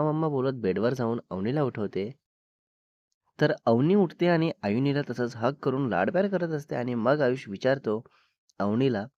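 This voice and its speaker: A man's voice: medium pitch, darkish tone, dry recording, lo-fi sound. A man with a Marathi accent narrating a serialized romantic family story in a conversational way, dropping in English words.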